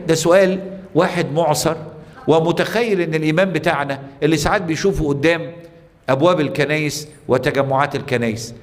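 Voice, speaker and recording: A man with an Egyptian Arabic accent preaches a sermon as a priest, telling stories and posing rhetorical questions to the congregation. His voice is a little high and echoes as if in a large hall.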